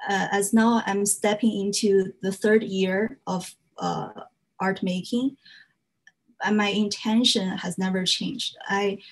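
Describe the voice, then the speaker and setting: Speaking slowly in a steady, medium-pitched voice, a young woman from China presents her fiber art in an earnest slide talk. English is her second language after Chinese, so her grammar is slightly non-native, and she says "uh" often.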